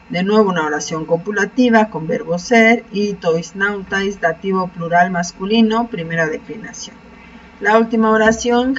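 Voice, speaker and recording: A woman teacher giving a recorded lesson, methodical and patient, slowing down to carefully pronounce each term before explaining it. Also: mid-range voice. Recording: dull, distant mic.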